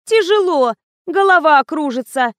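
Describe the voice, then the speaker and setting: A spoiled young woman model whines and sulks in a thin, squealing voice, as a woman narrator puts her on. Her complaints climb high and drawn out. The audiobook sound is close and dry. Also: expressive, measured pace, a bit bright, no echo. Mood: whiny. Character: whiny capricious young female model.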